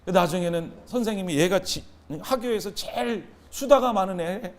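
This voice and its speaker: A man in his thirties preaching a sermon as pastor, animated, calling out to his congregation and waiting for replies. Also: high-pitched, normal speed. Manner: animated, call-and-response with the congregation.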